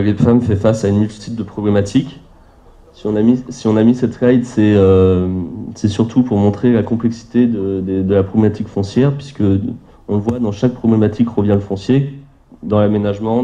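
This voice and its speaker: The audio is dull as a man with a low-leaning, mellow voice presents slides at a formal conference on behalf of a public agency. His delivery is halting, full of hesitations and repeated words.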